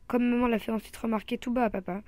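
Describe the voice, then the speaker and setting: A woman reading a comic children's novel aloud in the first person, with lively storytelling. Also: fairly high pitch, quick pace, no echo.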